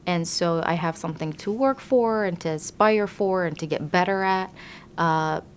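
A woman from Iraq, an immigration attorney, answering interview questions thoughtfully with frequent pauses and restarts. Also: on the low side, slight background noise.

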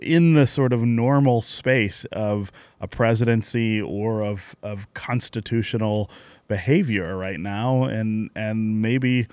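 Radio host, man, lowish voice, measured delivery, dry booth sound. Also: a little mellow, clear, resonant tone, dry recording. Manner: measured, reads phone number and promos. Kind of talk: call-in radio talk show. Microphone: studio microphone.

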